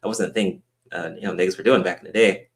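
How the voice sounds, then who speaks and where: A man's voice: low voice, steady tone, fast talker. A man hosting a live-stream panel in casual chat, laid-back and full of "um" fillers.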